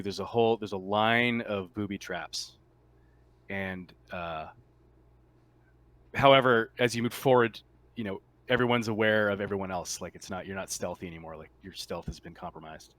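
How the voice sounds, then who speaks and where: A man with a voice on the low side and a slightly bright tone is game-mastering a casual tabletop roleplaying session. His explanations come out haltingly, full of repeats and rephrasing.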